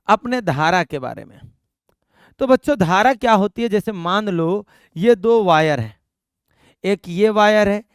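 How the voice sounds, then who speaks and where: A young man teaching a physics lecture to students, animated, repeating points and asking and answering his own questions. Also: sits high, clear, resonant tone, no room sound, studio quality. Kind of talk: classroom lecture.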